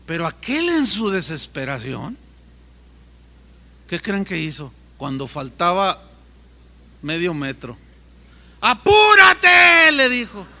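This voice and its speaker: Bright-voiced preacher in a hall. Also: male voice, fairly high pitch, takes it slowly, long pauses, slight background noise. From Mexico. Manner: animated storytelling, asides to the congregation. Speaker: pastor. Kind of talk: sermon. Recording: reverberant hall.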